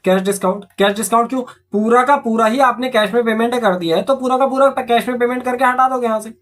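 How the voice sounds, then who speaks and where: A man's voice: very high-pitched, quick pace, fairly bright tone. A man teaching accountancy, walking through journal entries step by step and asking and answering his own questions as he goes. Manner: repetitive, asks and answers own questions, frequent "theek hai".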